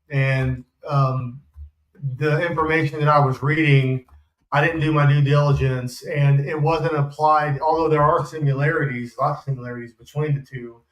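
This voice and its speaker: Man explaining carefully in an echoey room. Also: mid-range voice. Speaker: show co-host. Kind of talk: casual explanatory talk.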